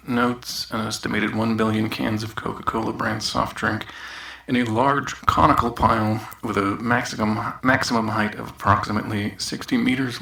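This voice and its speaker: With a lowish, gravelly, sharp-toned voice, a man plays a grumbling demoted researcher reading an official audio log in a scripted, in-character performance. His reading is dry, broken by irritable asides. The setting is noisy outdoors at first, later an echoey bathroom.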